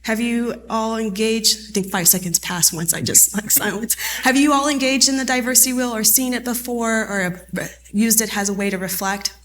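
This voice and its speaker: A workshop presenter in her thirties, whose first languages are French and Haitian Creole, leads a conference training session in a conversational style, often asking the audience questions. Her slightly high, fairly bright voice moves at a normal speed with few pauses, and a little hiss or hum can be heard.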